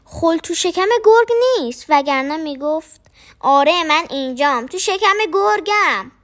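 A tiny, jittery young donkey from a storybook squeaks and stammers, its voice leaping very high and swooping all over, as a woman puts it on. Its words tumble out loud and excited, childlike and easily scared. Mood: pleading.

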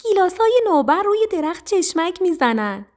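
A woman voicing a small, lively mouse friend in a children's story, talking high and urgent.

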